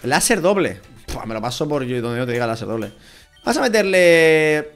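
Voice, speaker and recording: A young Spanish man calls a game with a co-player, his voice pitched a little high and swinging widely as he jokes and swears. He breaks into shouts when something surprising happens. Faint game music plays behind him. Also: sing-song, moderate pace. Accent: Spanish from Spain. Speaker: gaming YouTuber. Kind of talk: casual Let's Play commentary with a co-player.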